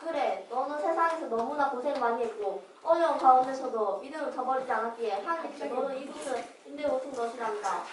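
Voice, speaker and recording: A woman's voice: high-pitched, fast talker, few pauses, close to an everyday voice. A woman playing a kindly but firm biblical patriarch in a children's puppet play, speaking in a solemn, stately way. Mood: benevolent. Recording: roomy, distant miking with background hiss.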